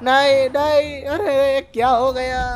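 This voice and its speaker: A man hosting a gaming channel, giving playful gameplay commentary with character voices in an excitable, teasing manner full of exclamations. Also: very high-pitched, slow, soft background music.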